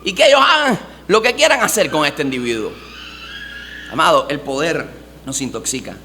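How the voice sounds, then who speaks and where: Man, pastor, sermon, emphatic, rhetorical questions, sharp bright tone. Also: on the high side, lively intonation, moderate pace, a little hiss or hum. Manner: emphatic preaching, addresses listeners as beloved, rhetorical questions.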